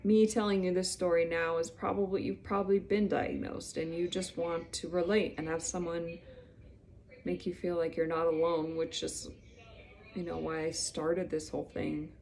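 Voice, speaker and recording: Brief: chatty woman vlogger in her thirties, low-pitched, candid storytelling to camera. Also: little pitch movement, moderate pace, darkish tone. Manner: chatty, candid, quotes people in little acted bits.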